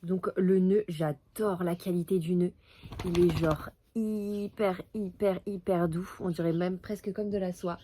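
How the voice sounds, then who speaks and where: A woman's voice: on the low side, steady tone, a little slow. Chatty young woman unboxing at home. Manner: chatty, playful, drops to hushed tones. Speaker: cosplayer vlogger. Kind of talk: casual unboxing vlog. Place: home room with open window. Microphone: built-in camera mic. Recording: faint outdoor noise through window. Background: faint street noise and crinkling packaging.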